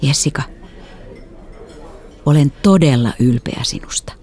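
A woman voicing a tired, gentle middle-aged father who speaks quietly and earnestly. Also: low voice, animated. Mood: tender.

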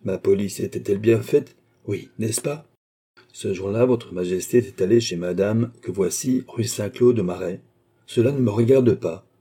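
A man's voice: on the low side, moderate pace, mellow, slightly rough. A man reading an audiobook, voicing a suave male police chief who speaks with polite, smug deference.

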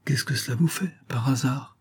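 A man's voice: mid-range voice, moderate pace, a little mellow, husky, pitched above the performer's own voice. A man reading an audiobook and voicing an evasive young woman who answers curtly and flares into anger. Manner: curt, rising to angry outbursts.

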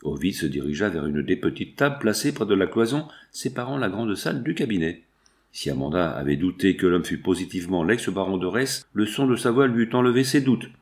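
Low-voiced man narrating a novel. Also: expressive, a little fast. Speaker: audiobook narrator. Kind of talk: scripted narration.

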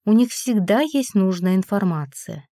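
A woman's voice: mid-range voice, lively intonation, normal speed, warm tone, dry recording, studio quality. A woman reading a first-person fantasy story aloud with wry, sarcastic narration. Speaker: audiobook narrator.

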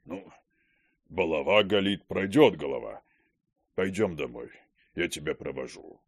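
A man's voice: sits low, unhurried, no room sound, clean studio sound, pitched below the performer's own voice. A man voicing a big, simple-hearted deacon in an audiobook, blunt and stubborn. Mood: good-natured. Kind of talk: audiobook character voice.

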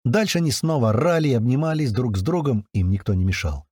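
Husky male audiobook narrator. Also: mid-range voice, fast, no echo, studio quality. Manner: colloquial storytelling with lively intonation. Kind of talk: first-person audiobook narration.

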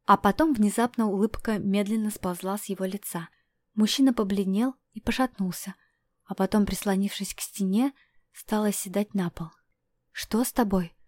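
Female audiobook narrator, measured first-person storytelling, dry close sound. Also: mid-range voice, darkish tone, dry recording.

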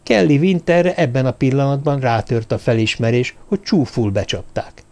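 A man narrating a suspense novel in a steady, measured audiobook reading. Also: mid-range voice.

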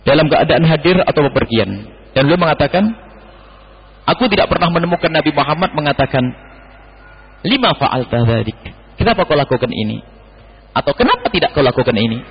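A man preaching a sermon, dropping to low murmurs and jumping to high exclamations as he acts out dialogue. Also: lively intonation, brisk, pauses often, husky. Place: large mosque hall. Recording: muffled hall recording with long reverb.

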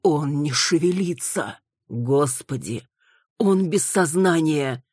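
A woman's voice: sits low, very animated, slow pace, darkish tone, husky, no room sound, studio quality, full character voice. A woman doing a timid, flustered cemetery director. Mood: alarmed. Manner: timid, then panicky. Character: timid middle-aged male cemetery director.

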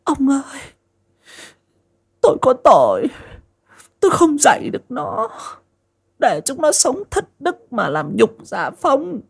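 A man putting on a shrill, fierce old mother. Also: sing-song, slow pace, gravelly, exaggerated voice. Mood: grieving. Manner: shrill, scolding, wailing.

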